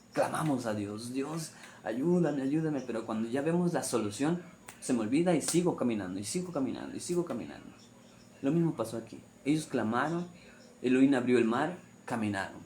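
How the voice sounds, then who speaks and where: A man's voice: medium pitch, expressive, brisk, darkish tone, slight background noise. A man preaching a sermon on the weekly Torah portion, repeating phrases and asking rhetorical questions.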